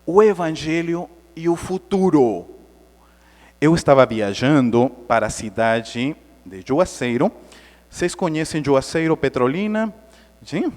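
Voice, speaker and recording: A high-pitched man tells a story to an audience and brings it to life with noises and quick voices. His pitch leaps around as he speaks, and a long hall echo trails each phrase. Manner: animated, acts out the story with sound effects. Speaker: Spiritist lecturer. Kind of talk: lively storytelling lecture. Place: lecture hall.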